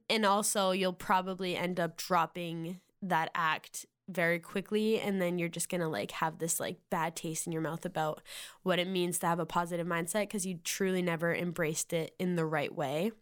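A young woman with a Valley Girl accent talks through her solo podcast in a loose, rambling way, dropping "like" into nearly every phrase. Her voice sits a little low for a woman, and she sounds relaxed and chatty. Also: smooth. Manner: rambling, heavy use of "like" fillers. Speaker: podcast host. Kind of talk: casual solo podcast monologue.

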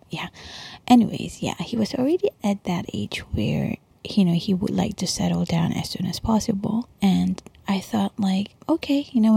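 A Malaysian woman speaks in a very breathy, whispery hush with a crackly edge. She chats casually like a late-night podcaster confiding in listeners, slipping in Malay slang. The sound is close and dry. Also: medium pitch, no echo. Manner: hushed, chatty, peppered with Malay slang and "lah". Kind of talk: casual confessional monologue, mostly whispered. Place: quiet bedroom at home at night.

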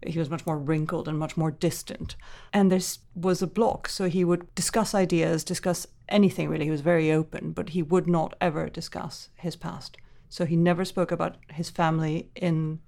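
A middle-aged Venezuelan author, appearing as an interview guest, tells personal stories in a thoughtful, earnest, descriptive way. Her low, mellow, creaky voice holds a fairly even intonation at a moderate pace, with hardly any pauses.

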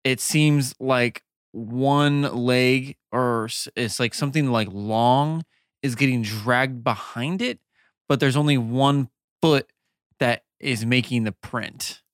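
Slow, smooth-voiced game master. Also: male voice, medium pitch, dry recording, studio quality. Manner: unhurried and descriptive, with fillers. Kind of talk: narrating a tabletop game.

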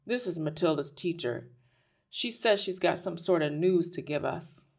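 A woman's voice: on the low side, animated, normal speed, gravelly. A woman voicing a small, irritable, dismissive man in a storybook, barking his words impatiently. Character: small ratty irritable dismissive man, a gruff suburban father. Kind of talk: acted audiobook dialogue.

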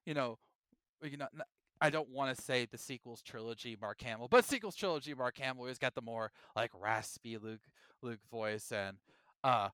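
A man co-hosting a podcast in casual chat, animated and jokey, often slipping into silly impressions. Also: mid-range voice, normal speed, smooth, dry recording. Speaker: podcast co-host.

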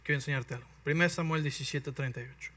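A man preaching a sermon, telling the story with energy and often checking in with his listeners. His voice is bright and a little high. He is heard from a bit away from the mic in a dry room. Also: rapid-fire, no room sound. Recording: voice from some distance, dry.

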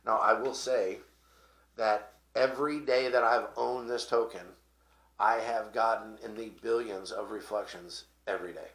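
Talk show host, man, bright voice, rambling explainer, echoey room. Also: on the low side, fairly even intonation, normal speed. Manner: rambling, explains with fillers and restarts. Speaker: podcast host. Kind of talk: casual crypto talk show chat.

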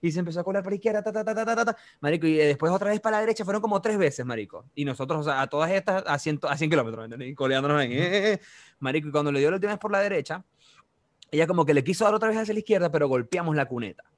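Young Venezuelan man, casual storyteller, quick and slightly high-voiced, animated with sound effects. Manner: animated, with vivid sound effects and constant slang fillers. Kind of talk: casual chat.

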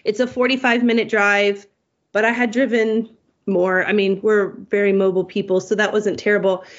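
A woman's voice: medium pitch, flat delivery, moderate pace. Chatty mother rambling on muffled audio. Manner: rambling, self-interrupting, laughs easily. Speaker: homeschooling mother, interview guest. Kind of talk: casual conversational interview.

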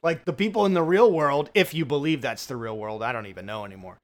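A man's voice: medium pitch, fast. A man co-hosting a film review podcast, chatting casually with many fillers and restarts, swearing now and then.

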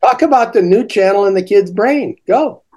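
An older man, a teaching coach, explaining classroom ideas slowly in a relaxed podcast conversation. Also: high voice, lo-fi sound.

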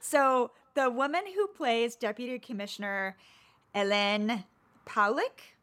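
A woman's voice: a little high, measured pace, fairly bright tone. A woman co-hosting a podcast, chatting casually about a TV show with rambling, self-deprecating asides. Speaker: podcast co-host.

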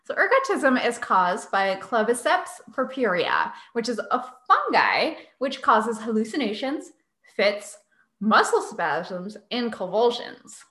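A woman hosts a casual science podcast, explaining things in a chatty, sarcastic way. Her voice is bright and lively. The sound carries a noticeable room echo. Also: on the high side, slow pace. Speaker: podcast host.

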